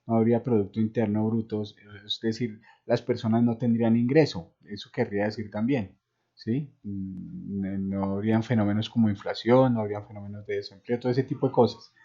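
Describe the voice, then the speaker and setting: A middle-aged man lectures over a video call in a low, mellow voice, stopping often on "eh" as he builds up everyday examples. The call audio is dull and lo-fi. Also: steady tone, fairly quick. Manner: explanatory, with many "eh" fillers and homely examples. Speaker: university lecturer. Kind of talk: online class lecture. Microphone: online video call.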